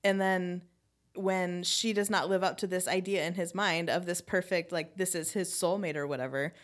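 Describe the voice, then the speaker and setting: A woman's voice: on the low side, steady tone, normal speed. Chatty woman retelling a plot. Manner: chatty, laughs often, swears. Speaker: podcast co-host. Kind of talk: casual recap chat.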